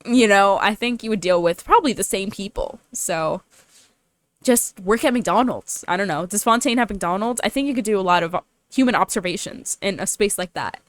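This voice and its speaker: A young woman streams a story game, giving casual, slangy commentary with a playful, teasing manner and reading dialogue aloud. Her mid-range voice moves at normal speed in a dry recording.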